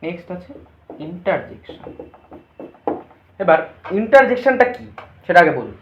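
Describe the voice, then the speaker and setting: A woman's voice: lowish voice, very animated, a little slow, slight background noise. A woman teacher explaining a grammar lesson, asking her students questions and then answering them herself. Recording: echoey, dull lo-fi room recording.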